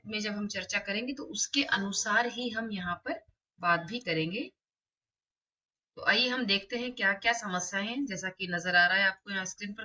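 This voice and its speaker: A woman Hindi teacher explaining essay topics to students in a steady, list-like way with frequent fillers. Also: medium pitch. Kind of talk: explaining essay writing on screen. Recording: distant, dull lo-fi mic.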